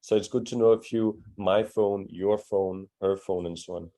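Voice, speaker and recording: A Danish teacher with a low-pitched, steady, mellow voice leads a live beginner language class at normal speed. He's patient and encouraging, explaining pronunciation step by step.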